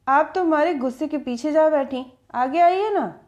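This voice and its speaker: Woman doing a cheeky young driver guy, mocking and playful, kinda high-pitched, audio story. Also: expressive, moderate pace, a little mellow, muffled recording. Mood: teasing. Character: cheeky teasing young male chauffeur.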